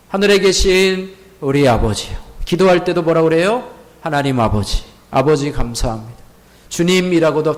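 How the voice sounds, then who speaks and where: High-voiced male pastor preaching. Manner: asks the congregation rhetorical questions and repeats key words; leads the congregation in call-and-repeat. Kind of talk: Sunday sermon. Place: church sanctuary.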